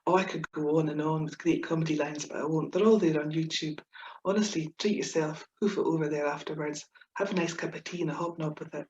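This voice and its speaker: A woman's voice: sits low, steady tone, brisk, darkish tone, slight background noise. A woman writer from Scotland with a broad Scottish accent, giving a humorous talk with playful, self-mocking, theatrical delivery. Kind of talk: humorous presentation with read-out verse. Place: indoor room, talk with slides. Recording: echoey room, dull muffled sound.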